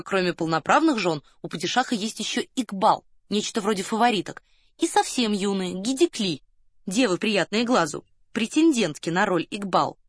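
Brief: woman narrator, mid pitch, very dry close studio sound, steady audiobook reading. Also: dry recording. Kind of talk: scripted narration.

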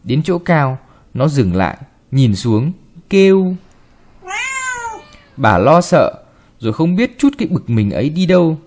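A man reading a short story aloud with expressive, varied delivery. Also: fairly high pitch, unhurried, long pauses, a little hiss or hum. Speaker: narrator.

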